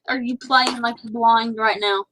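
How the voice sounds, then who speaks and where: A woman calling in to a casual live stream, animated and laughing often. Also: a little high. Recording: noisy stream audio.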